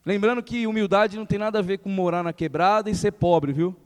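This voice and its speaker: A male pastor, preaching a lively sermon that acts out everyday speech and builds to emphatic questions. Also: high-pitched, brisk. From Brazil. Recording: long hall reverb.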